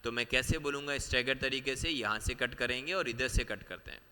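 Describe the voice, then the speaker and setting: A man gives an exam-prep biology lesson, walking through each step and circling back to repeat the key points. His voice is very bright and sharp. A long reverb trails after his words, like a large hall. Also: mid-range voice, smooth. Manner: explains step by step, mixing Hindi with English terms; repeats key points, asks students quick questions. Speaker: biology teacher.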